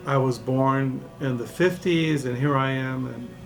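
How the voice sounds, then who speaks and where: Male, 60s, from California, gravelly voice, digressive home vlogger, faint music underneath. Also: mid-range voice. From California, USA. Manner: digressive, halting, with many fillers and restarts. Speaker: book vlogger. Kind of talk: rambling casual monologue. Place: dining room at home. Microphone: camera mic.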